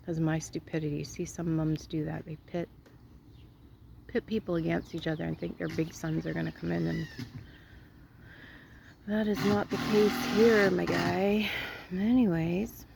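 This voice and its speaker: A middle-aged woman with a raspy, sore-throated voice, rambling through a casual story for her viewers with lots of fillers and laughter. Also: low-pitched, noisy background. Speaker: vlogger.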